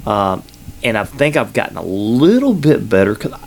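Hosting a laid-back solo podcast update, this Southern-accented man from Kentucky talks into a sensitive studio microphone at a moderate pace. His pitch swings widely over a low, gravelly, fry-tinged voice that sometimes turns loud. He meanders, circling back with fillers and restarts, while faint background noise lingers.

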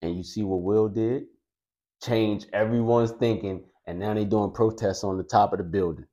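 A man's voice: fairly low pitch, fairly even intonation, normal speed, mellow, muffled recording. A man co-hosting a podcast in casual chat, pushing back and arguing his own point. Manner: argumentative, pushes back. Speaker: podcast co-host.

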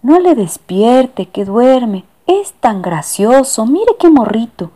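A woman voicing a doting, fussy lady passenger in a storybook reading, with a high cooing manner. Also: sing-song, slow pace, warm tone, heavily acted.

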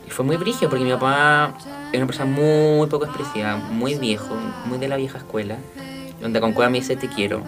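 A man with a Chilean accent, chatting as podcast co-host and telling a story in a slangy, animated way. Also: mid-range voice, a little fast, music in the background. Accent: Chilean Spanish. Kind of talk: casual chat, storytelling.

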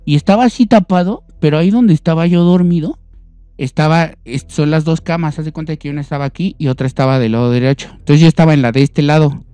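A man's voice: fairly high pitch, fast, dry recording. A young man with a Mexican accent casually telling a scary story among friends, acting out voices with lots of slang. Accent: Mexican Spanish. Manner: animated, acts out voices and screams, heavy slang. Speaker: storyteller guest.

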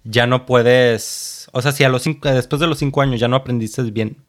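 A man's voice: medium pitch, fairly even intonation, moderate pace. A young man with a Mexican accent, chatting casually and informally as a podcast co-host. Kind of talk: casual chat.

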